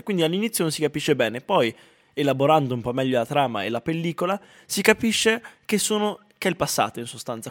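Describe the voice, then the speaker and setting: A man co-hosting a casual film review chat, explaining in long rambling sentences with frequent restarts. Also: a little high.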